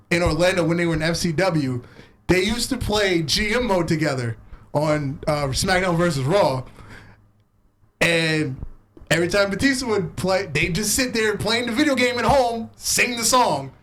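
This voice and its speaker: A man co-hosting a casual podcast, telling wrestling stories in a relaxed way and dropping his voice low for asides. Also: a little slow, slight background noise. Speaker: podcast co-host. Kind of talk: casual chat.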